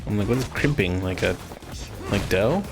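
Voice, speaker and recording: A man's voice: lowish voice, lively intonation, moderate pace, creaky, over music. A man giving casual, joking commentary while playing a video game, often breaking into laughter.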